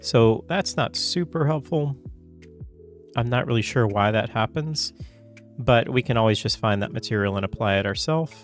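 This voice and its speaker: A man getting over a cold, coughing now and then, talking through a casual software tutorial in a loose, chatty way full of fillers and self-corrections. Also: medium pitch, moderate pace, soft background music. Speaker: tutorial host.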